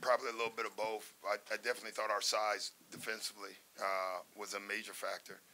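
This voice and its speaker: An older man speaks as a basketball coach at a postgame press conference, relaxed and measured, leaning on fillers and restarts. His voice sits fairly low yet carries a bright, present edge. A faint hiss runs under the table-mic recording. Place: press room in front of a sponsor backdrop. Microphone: table microphone in front of him.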